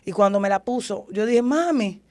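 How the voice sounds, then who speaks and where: Woman giving an emotional, halting testimony. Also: mid-range voice, a little mellow, dry recording, studio quality. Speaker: testimony giver. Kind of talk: personal religious testimony.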